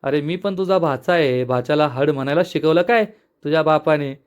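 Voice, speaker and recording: A cheeky younger brother who teases and stands up for his family, as a man reads his lines in a retelling. He sounds bold and a little mocking, in a smooth, slightly high voice. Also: a little fast, natural voice. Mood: defiant. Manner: teasing, bold.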